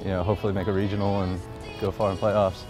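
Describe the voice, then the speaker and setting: A fast-talking young man with a low-sitting voice, a college baseball player, chats casually in an interview while walking through campus outdoors, music underneath. His manner is laid-back and relaxed, heavy on fillers.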